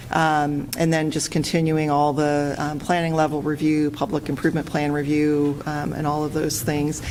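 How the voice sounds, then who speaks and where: A woman on city staff walks a budget committee through public works projects, pausing often with fillers. Her voice is very low for a woman, with faint noise in the room behind her. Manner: hesitant, many fillers. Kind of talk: presenting at a budget meeting. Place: council meeting room.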